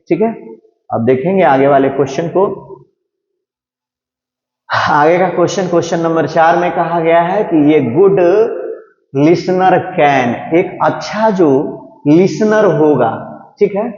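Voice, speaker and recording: Male teacher, fairly high voice, lo-fi echoey room, patient step-by-step exam coaching. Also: a little mellow. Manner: explains step by step in Hindi, reads English options slowly. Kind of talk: exam-prep lecture. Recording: echoey room, dull lo-fi sound.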